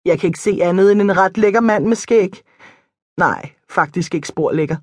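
A woman reading an audiobook, voicing a sardonic female friend with a low, deadpan delivery. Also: dry recording, studio quality, lightly acted. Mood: wry. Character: dry-witted sardonic woman friend, 30s.

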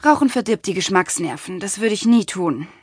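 A woman's voice: medium pitch, animated, normal speed, a little mellow, breathy edge, no room sound, studio quality. A woman reading the lines of a smug, self-satisfied male celebrity TV chef in an audiobook, with a drawling manner.

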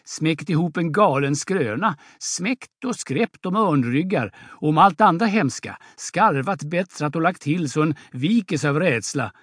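A man's voice: on the high side, animated, no echo, clean studio sound. A man voicing a wailing old peasant mother. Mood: bitter. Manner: wailing, exclamatory scolding. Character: aging peasant mother, scolding and fretful. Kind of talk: audiobook drama reading.

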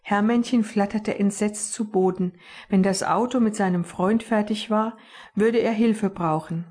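A woman's voice: mid-range voice, fairly even intonation, a little slow, darkish tone, slightly rough. A woman reading her own children's book aloud as an audiobook.

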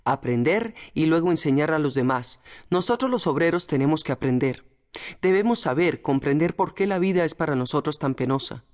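A woman's voice: low voice, animated, fairly quick, a little mellow. A woman voicing an earnest, firm young male factory worker speaking to his mother in an audiobook. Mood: resolute. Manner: firm, fervent, tender. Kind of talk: audiobook character voice.

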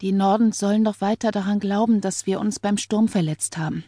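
A woman's voice: medium pitch, a little fast, warm tone, no echo, studio quality, close to an everyday voice. A woman reader voicing a timid, frightened young wife who pleads anxiously. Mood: pleading.

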